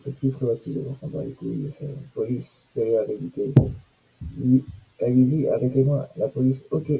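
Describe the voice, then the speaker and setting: A man's voice: medium pitch, fairly even intonation, moderate pace, creaky, warm tone, slightly rough, faint music behind, rough recording. A man giving casual, sarcastic commentary on news items and comments, with mocking asides.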